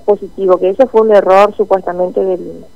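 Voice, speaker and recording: A woman's voice: mid-range voice, fairly even intonation, normal speed, gravelly. A woman telling her experience in an interview, earnest and emotional. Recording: dull lo-fi line.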